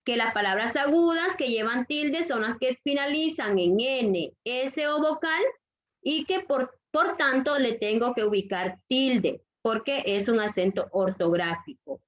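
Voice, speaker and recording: A woman with a slightly high, expressive voice teaches grammar to young students. She goes slowly and deliberately, repeating each rule and asking questions to check the class follows, on dull lo-fi audio.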